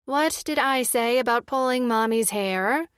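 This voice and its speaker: A warm, lively young mother, played by a woman reader, outspoken and quick with affection. Her fairly high voice is heard in a dry, close storybook recording. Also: no room sound, lightly acted.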